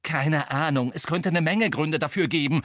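Man playing a frantic, shouting teen boy. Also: on the high side, normal speed, no room sound, studio quality, voice pushed up, natural voice. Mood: desperate. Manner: urgent, loud outbursts. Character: frantic teenage boy wizard, desperate and shouting.

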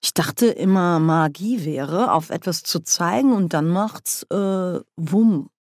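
A woman reading a storybook puts on a vain, not very bright young duke who grumbles and whines at every turn. His complaints come out sulky and halting, full of little stumbles. The sound is dry and close. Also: on the low side, no room sound. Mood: whining. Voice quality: whining, sulky. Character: petulant, vain, whiny young male duke.

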